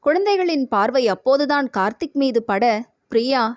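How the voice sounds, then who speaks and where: A woman narrates an audio novel in a steady, measured storytelling voice. Her voice sits fairly high for a woman and is recorded close and completely dry, with no room sound behind it. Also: dry recording.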